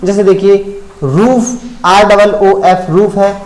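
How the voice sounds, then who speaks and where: A man teaching an English grammar lesson, spelling words out letter by letter and often checking whether the point is clear. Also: high voice, steady tone, slow pace, a little mellow, reverberant, rough recording.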